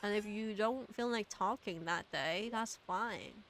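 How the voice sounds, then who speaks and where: A woman's voice: mid-range voice, unhurried, a bit bright, a little hiss or hum. A woman chatting casually on a game livestream as the streamer, rambling with lots of fillers, trailing off and restarting as she talks to chat.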